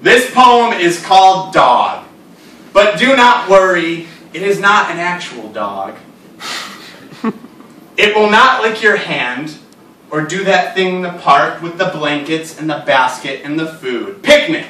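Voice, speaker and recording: A male writer reads his own stories and poems at a live event, his slightly high voice unhurried and wry as he delivers absurd lines with a serious, deadpan face. The mic is distant, so the recording sounds roomy and echoey, with a little background noise.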